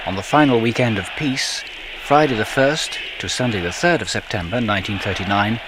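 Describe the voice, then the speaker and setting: A man narrating a documentary from a script with an expressive storytelling delivery. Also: on the low side, fairly quick. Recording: narration over clear background noise.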